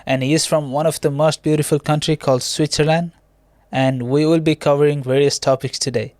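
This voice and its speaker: A man's voice: a little high, fairly even intonation, fairly quick, a little mellow, no room sound, studio quality. A man hosting a podcast, asking loose questions and laughing along with his guest. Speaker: podcast host. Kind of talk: casual interview talk.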